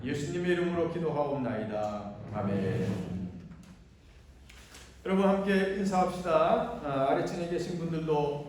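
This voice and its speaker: A man serving as pastor, praying in a measured, solemn cadence and then giving church announcements with frequent fillers. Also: fairly high pitch, darkish tone, slight background noise. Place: church sanctuary. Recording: echoey church hall, distant mic.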